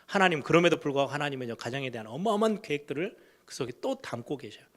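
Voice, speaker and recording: A middle-aged man, a pastor, preaching a sermon in a storytelling way, swinging between loud emphatic lines and hushed low ones. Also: lively intonation, very fast. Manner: storytelling, acts out quoted voices of kids and parents.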